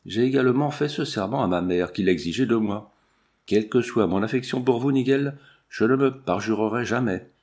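A man reading the lines of a proud, sharp-tongued young English lady in a cool, ironic, measured way. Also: fairly low pitch, close to an everyday voice.

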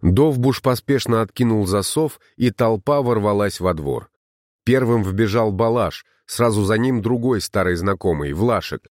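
A man reads an adventure tale in a low voice and a steady storytelling manner. The recording is dry and close, with no room sound. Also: unhurried, no room sound. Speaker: narrator. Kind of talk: audiobook narration.

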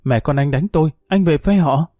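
A man's voice: on the high side, a little fast, dark tone, no room sound, studio quality, close to an everyday voice. Man voicing tearful young woman, wailing, raised voice, humiliated.

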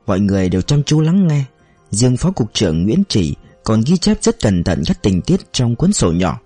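A male audiobook narrator telling a novel in a steady manner. His pitch moves expressively and his tone is mellow. Faint music runs underneath. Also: moderate pace, breathy edge, dry recording. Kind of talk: scripted narration.

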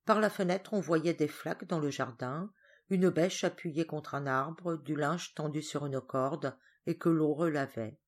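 A woman reading a short story aloud as an audiobook narrator, in a measured and expressive way. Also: low voice. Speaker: audiobook reader. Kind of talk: scripted narration.

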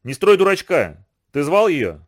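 Guy reading a sharp mom, scolds and teases, voice goes way up and down. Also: a little high, sing-song, measured pace. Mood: scolding. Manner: teasing, scolding. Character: quick-witted working mother, sharp-tongued.

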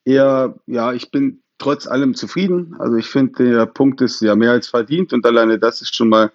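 Dull lo-fi audio, dry, man, casual measured football fan talk, podcast guest. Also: medium pitch, no room sound.

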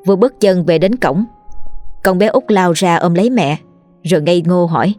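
Woman reading a ghost story, lowish voice, sad slow telling, soft music under it.

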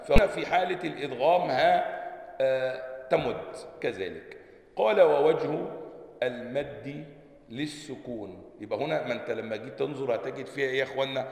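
A man's voice: medium pitch, brisk, creaky, a little mellow. A man with an Egyptian accent, a sheikh teaching a lesson on a book. He reads a passage aloud, explains it, and keeps asking his listeners questions before answering them himself. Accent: Egyptian Arabic. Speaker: sheikh teaching Quran sciences. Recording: echoey hall with long reverb.

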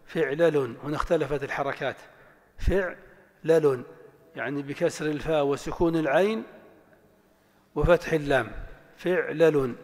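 A man teaching a grammar class, slowly drawing out word patterns and asking and answering his own questions. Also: a little high, big-room sound. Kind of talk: classroom lecture explaining grammar.

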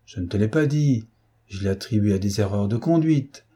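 A man's voice: on the low side, expressive, normal speed, mellow, slightly rough. A man voicing a stern, wounded bourgeois father who answers his son curtly and with indignation. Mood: defensive. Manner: indignant, curt.

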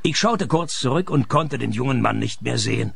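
An actor playing a wry, world-weary private detective in a radio crime comedy, with a dry noir delivery. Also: male voice, medium pitch, expressive, normal speed, creaky, breathy edge, heavily acted. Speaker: narrator and lead character.

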